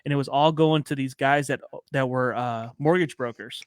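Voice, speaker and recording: Chatty man from Chicago, smooth voice. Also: medium pitch, moderate pace, dry recording, studio quality. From Chicago, USA. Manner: chatty, storytelling, relaxed slang. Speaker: podcast guest. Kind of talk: casual podcast conversation.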